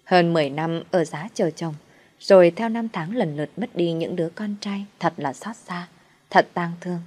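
Woman narrator, low voice, calm first-person storytelling. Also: moderate pace, breathy edge.

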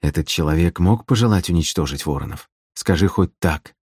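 A man voicing a terse, guarded young male assassin who asks quiet, pressing questions. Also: sits low, a little fast, husky, no echo, studio quality.

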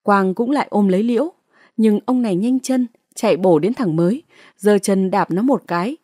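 A woman audiobook narrator reading a novel in a dramatic, clear storytelling manner. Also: medium pitch, moderate pace, warm tone, no room sound, clean studio sound.

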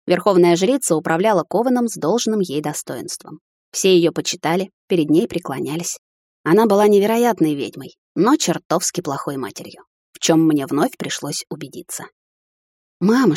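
A woman reading a first-person fantasy audiobook in a measured storytelling voice. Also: fairly low pitch, darkish tone, dry recording, clean studio sound. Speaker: audiobook narrator.

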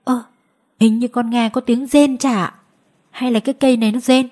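A woman's voice: a little high, brisk, lightly acted. A woman doing a nervous young woodcutter. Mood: uneasy. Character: uneasy young man, woodcutter's son.

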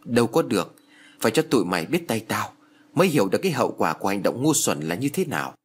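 A man's voice: fairly low pitch, big pitch swings, fast, husky. A man voicing a menacing young woman, who speaks in a harsh, commanding, snarling way. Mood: threatening.

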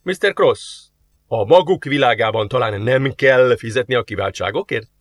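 A man voicing a polite, formal male alien receptionist in an audiobook, measured and courteous. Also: mid-range voice, no room sound, studio quality, natural voice. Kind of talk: audiobook character voice.

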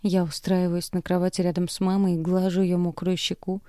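A woman reads a first-person audiobook in a steady, measured voice. Her tone is low and dark, mellow rather than bright. The sound is close-miked and dry. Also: clean tone, dry recording. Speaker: audiobook narrator.

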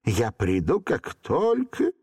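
A man reading a storybook plays a dignified old genie who speaks in a stately, unhurried way. The words come very slowly and the pitch sits a little above a normal man's speaking voice. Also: huge pitch swings, a little mellow, breathy edge, full character voice. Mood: calm, dignified.

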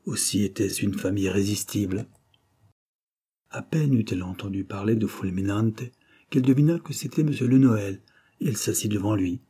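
A man reading a novel aloud in scripted narration, measured and even. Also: on the low side, slightly rough. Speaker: audiobook reader.

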